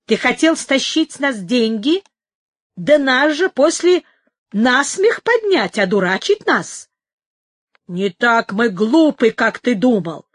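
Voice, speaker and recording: A woman voicing a furious, menacing male thug who shouts threats in a read-aloud story. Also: on the high side, sing-song, takes it slowly, dry recording, clean studio sound, exaggerated voice.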